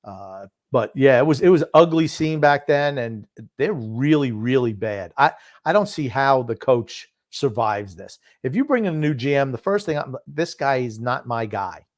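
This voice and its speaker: A man's voice: medium pitch, animated, moderate pace, few pauses, dry recording. An older man talks sports casually in a mid-range voice. He gives firm opinions, drifts into reminiscence and repeats key phrases for emphasis. The sound is dry, with hardly any room. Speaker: sports talk show host known as the grumpy old man.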